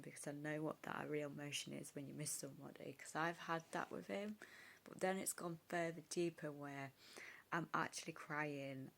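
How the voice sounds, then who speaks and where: A young woman talks to her phone camera in a loose, confessional vlog. Her voice sits low with a gravelly fry. She sounds upset and close to tears, and she trails off and restarts often. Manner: rambling, emotional, many fillers and restarts. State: upset, tearful. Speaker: vlogger. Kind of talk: casual confessional chat to camera.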